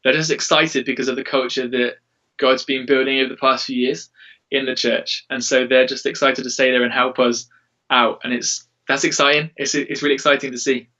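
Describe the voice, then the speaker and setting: A man's voice: medium pitch, little pitch movement, fairly quick, sharp tone. A man speaking casually and earnestly in an interview as a church worship leader, in an informal way. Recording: dull, distant-mic recording.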